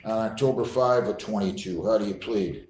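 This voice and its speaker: A man's voice: on the low side, moderate pace, a little mellow. An American man speaking as a judge in a courtroom, putting formal procedural questions in a firm manner. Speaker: judge presiding over hearings. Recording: echoey room with faint background noise.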